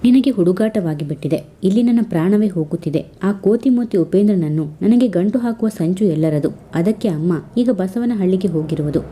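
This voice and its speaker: A woman's voice: mid-range voice, a little fast, hardly any pauses, mellow, natural voice. A woman reading a shy devoted village girl. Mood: anxious.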